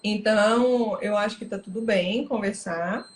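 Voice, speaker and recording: Woman, Brazilian accent, emphatic, animated, echoey room. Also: medium pitch, a little slow. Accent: Brazilian Portuguese. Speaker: psychologist. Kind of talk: casual conversation.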